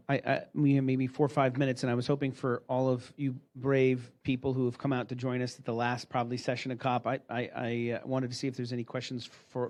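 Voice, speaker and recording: Male moderator, halting, lots of ums, mid-range voice. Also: medium pitch. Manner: halting, many fillers and restarts. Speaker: panel moderator.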